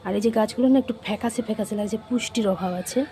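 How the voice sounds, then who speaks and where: A woman's voice: medium pitch, fairly even intonation, rapid-fire, warm tone, a little hiss or hum, poor audio. A middle-aged woman talking casually through a home vlog as she cooks and tidies, chatty and complaining, often correcting herself mid-word. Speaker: cooking vlogger. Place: at home, kitchen and rooms.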